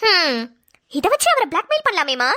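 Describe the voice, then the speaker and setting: A woman's voice: very high voice, very animated, normal speed, pushed and bright, full character voice. A woman voicing a sassy young mother in a cartoon, who argues in a snappy, defensive way. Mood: argumentative. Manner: snappy, argumentative. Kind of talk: cartoon voice acting.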